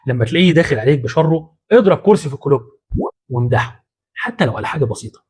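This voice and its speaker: Man, Egyptian accent, husky, rapid, colloquial motivational host. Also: on the high side, expressive, darkish tone. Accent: Egyptian Arabic. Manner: colloquial, punchy, street-slang asides. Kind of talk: motivational psychology talk.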